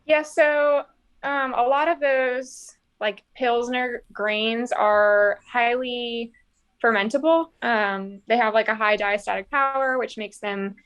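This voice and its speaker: A woman brewer, a guest on a podcast, calmly explaining technical detail with many fillers. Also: on the high side, takes it slowly, clean tone, lo-fi sound. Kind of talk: casual chat.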